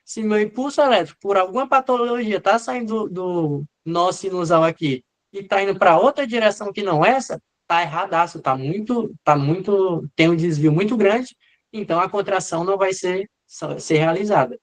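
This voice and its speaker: A man's voice: high voice, moderate pace. A man teaching a live online class in an informal way, answering students by name and acting out what the leads are saying. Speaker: medical lecturer.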